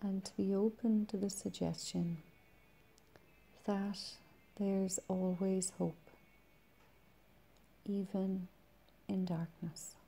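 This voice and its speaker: A woman guides a meditation in a soft, breathy and soothing voice that is very dark and relaxed. She speaks slowly, with long pauses, and keeps her pitch even and flat.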